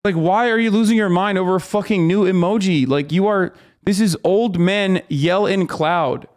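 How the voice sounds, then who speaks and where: A man's voice: high-pitched, normal speed. A man in his thirties ranting with exasperation as he reacts to a clip on a livestream, swearing often and slipping into mocking outrage. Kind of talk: casual livestream reaction commentary.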